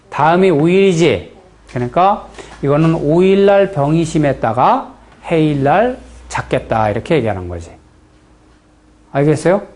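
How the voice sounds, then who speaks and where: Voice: medium pitch, darkish tone. A fortune-telling teacher with a Chungcheong Korean accent gives a lecture to a class. The delivery is blunt and folksy, and the speaker keeps stopping to ask the students whether they follow. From Chungcheong region, Korea. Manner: blunt and folksy, with frequent rhetorical check-in questions.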